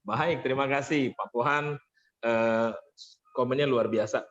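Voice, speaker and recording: A man's voice: mid-range voice, unhurried, fairly bright tone, highs cut off, slight background noise. A man running an online workshop as a vocal training coach, explaining patiently and thanking participants often.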